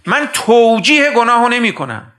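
A very high-pitched, very animated man preaches, recounting a story and calling his congregation dear friends. His delivery moves back and forth between soft and emphatic.

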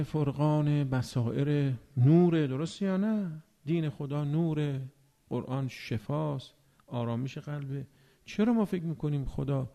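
A man preaching a religious sermon, animated and rhetorical, often asking his listeners whether they agree. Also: mid-range voice, vocal fry. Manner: animated, acts out everyday speakers.

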